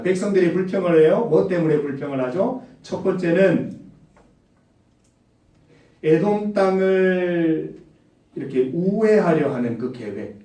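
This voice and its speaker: A male pastor preaching a sermon to young adults, animated and asking the congregation direct questions. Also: on the high side. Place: church sanctuary. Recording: echoey hall, mic some distance off.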